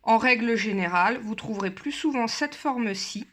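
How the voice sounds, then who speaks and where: A woman's voice: on the high side, normal speed. A woman teaching a Latin grammar lesson, counting through verb forms in a patient, methodical, step-by-step way. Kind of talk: classroom lesson.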